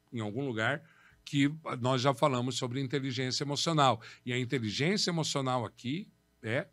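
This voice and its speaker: A man hosts a podcast and gives a lesson on public speaking. His voice sits fairly high and moves with very animated swings, and he stresses key words again and again. The sound is dry and close, as in a small studio. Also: dry recording. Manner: emphatic, repeats key words, asks and answers his own questions. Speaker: podcast host. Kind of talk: instructive talk on public speaking.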